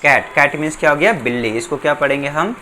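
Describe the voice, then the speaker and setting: A man gives a board lesson, asking his class a question and then answering it himself, repeating each word again and again. His voice is bright and forceful, sitting a little high. Faint noise hums behind him. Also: quick pace. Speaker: English teacher. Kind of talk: board lesson explaining English spelling.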